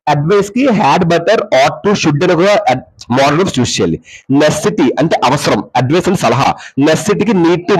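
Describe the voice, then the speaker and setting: A man's voice: fairly high pitch, breathy edge, low-quality recording. A man teaching English grammar, explaining in mixed with English and often checking that his students follow. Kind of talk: classroom grammar lesson.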